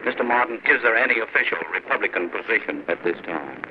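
A man's voice: on the low side, animated, fast talker. Man reporting live on an old radio broadcast. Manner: polite formal live commentary. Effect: old archival radio broadcast sound. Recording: dull noisy 1940s radio recording.

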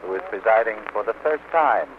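A man's voice: fairly low pitch, expressive, a little fast, phone-quality sound, background noise. A man reporting live on a 1940s radio broadcast with an old newsreel sound, polite and formal. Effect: old newsreel-style radio broadcast.

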